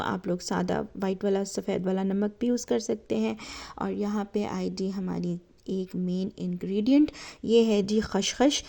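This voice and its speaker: A woman hosting a home cooking tutorial, chatting as she lists the ingredients and fills her talk with soft fillers. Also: medium pitch. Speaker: cooking channel host.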